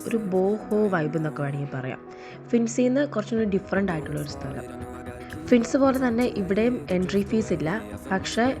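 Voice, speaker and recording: A woman gives casual travel vlog narration as a vlogger. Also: fairly low pitch.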